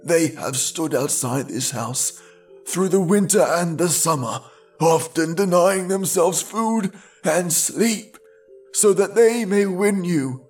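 A man putting on a slow, earnest old bamboo cutter. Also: sits high, lively intonation, darkish tone, soft background music, heavily acted. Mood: persuasive. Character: gentle old bamboo cutter, over seventy, devoted foster father. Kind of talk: storybook read-aloud.

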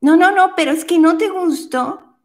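A high, giddy young woman, put on by a woman telling a story talks in a breathless rush of lovestruck eagerness. Her voice sits near the top of her range. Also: a little slow. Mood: pleading.

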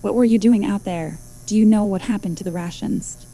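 A woman voicing a calm, formal female robot that can turn blunt and sarcastic. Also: medium pitch, a little fast, lightly acted. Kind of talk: audio drama acting.

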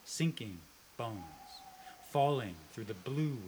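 An actor playing a young man on a camping trip who tells grim tales in a hushed, deadpan way. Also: mid-range voice, slow pace, a little hiss or hum. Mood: morbid. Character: young man camper, morbid quiet storyteller. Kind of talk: film drama dialogue.

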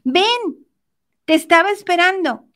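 A woman's voice: very high voice, lively intonation, takes it slowly, voice pushed up, full character voice. A woman doing an impatient trapped princess. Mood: calling, insistent. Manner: shouting, insistent.

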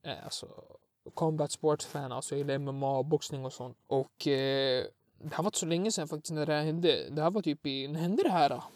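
A young man, telling stories in a casual chat, slangy and animated. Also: fairly high pitch, dry recording. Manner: slangy, animated, many fillers, acts out voices. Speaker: podcast co-host, storyteller.

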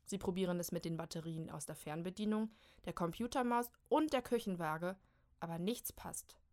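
A woman narrating a children's storybook with a lively, expressive reading. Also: lowish voice, normal speed.

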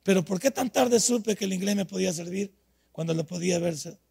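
An older man delivers a storytelling sermon. His voice sits high and sounds deeply gravelly and husky. He drops to near murmurs, then rises to loud shouts. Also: fairly quick. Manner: storytelling, swings from quiet to shouting. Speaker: pastor.

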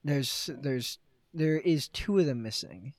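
A man's voice: on the high side, expressive, slow pace. A man running a tabletop game as game master, who jokes and laughs often.

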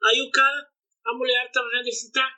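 A podcast co-host telling travel anecdotes in a casual, animated way. The voice is bright and forward. The tone turns indignant, with frequent swearing. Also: medium pitch, fast talker, low-quality recording. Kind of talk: casual storytelling chat.

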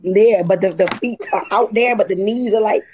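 A woman's voice: medium pitch, normal speed, background noise. A woman from Trinidad co-hosting a podcast, chatting casually with playful asides. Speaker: podcast co-host. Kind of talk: casual chat.

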